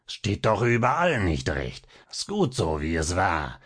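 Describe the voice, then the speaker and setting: A man voicing a cruel, sinister old man in a storybook reading, speaking in a hissing, sneering, drawn-out way. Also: sits low, huge pitch swings, a bit bright, husky, full character voice. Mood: menacing.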